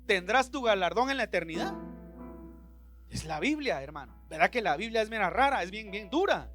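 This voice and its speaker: Pastor, male, Central American Spanish accent, impassioned church preacher, bright forceful tone. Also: high voice, sing-song, normal speed, faint music behind. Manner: impassioned, acts out Bible dialogue in voices. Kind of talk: sermon.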